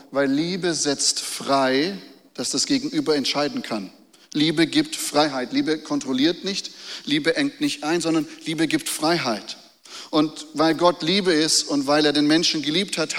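Male pastor, somewhat high voice, sermon delivery with rhetorical questions and repeated phrases; reverberant hall. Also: a bit bright. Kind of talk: sermon with Bible reading.

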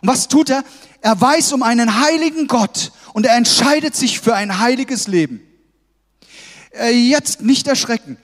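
A man's voice: extremely high pitch, expressive, normal speed. A man preaching a sermon to his congregation, emphatic and exhorting, often calling out "hey" to stir them. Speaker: pastor. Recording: long hall reverb.

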